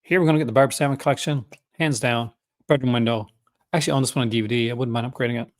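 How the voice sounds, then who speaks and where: Rapid-fire and steady in tone, this medium-pitched voice belongs to a Newfoundland man hosting a movie-collecting vlog. His accent comes through as he chats casually and unscripted, folksy and full of enthusiasm.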